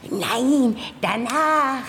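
Melodramatic, lonely lake monster, gravelly and slow. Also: female voice, high-pitched, fairly bright tone, slight background noise, full character voice. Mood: touched. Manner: dramatic, self-pitying. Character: lonely female lake monster, aggrieved, easily touched. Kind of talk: children's audio drama.

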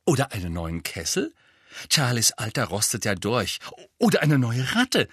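A man voicing a fussing, doting middle-aged mother witch in a storybook reading, high and gushing. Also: huge pitch swings, moderate pace, fairly bright tone, slightly rough, dry recording, studio quality, exaggerated voice.

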